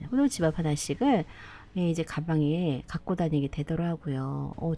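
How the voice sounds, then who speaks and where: Slow, low-voiced motherly woman host. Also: mellow. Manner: motherly, calls viewers her children; chatty, laughs often. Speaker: live-stream host. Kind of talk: casual live-stream chat.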